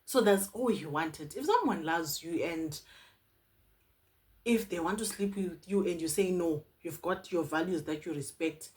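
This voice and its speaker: Earnest young woman storyteller, slightly low voice. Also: a little slow. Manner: earnest, pleading and animated, with repeated words. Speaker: vlogger. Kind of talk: casual storytelling to camera.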